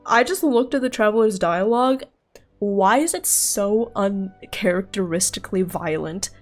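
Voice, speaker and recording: A woman's voice: mid-range voice, normal speed. A woman livestreaming a game, chatting casually with playful, self-mocking, giggly asides. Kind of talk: casual livestream chat over gameplay. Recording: faint game music behind voice.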